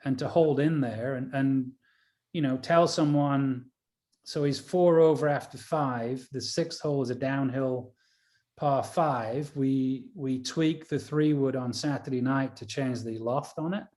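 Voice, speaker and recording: A man's voice: medium pitch, fairly even intonation, a little slow, darkish tone. A man, a golf caddie and coach, talking in a casual rambling way with many fillers and restarts. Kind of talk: casual conversation. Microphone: video call.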